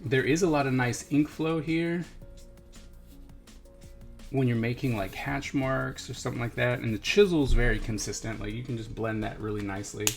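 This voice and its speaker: The host of an art supply review series tries out a product casually, thinking aloud and repeating himself as he muses. His medium-pitched voice is steady at a moderate pace, with music in the background.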